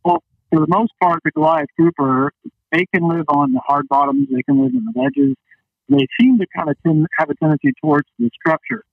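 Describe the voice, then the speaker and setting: A man with a fairly high, creaky voice talks fairly quickly, with no echo, as a guest fishing captain on a phone call. The line is dull and band-limited, and his casual storytelling interview chat is folksy and laced with "you know."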